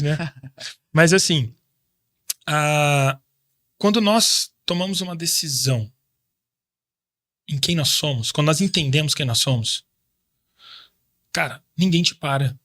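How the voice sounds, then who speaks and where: Recorded clean on a studio mic with no audible room, this fairly high, fairly bright male voice belongs to a guest in his thirties from Brazil. Chatting in a casual interview, he reflects on faith and frequently starts his thoughts over.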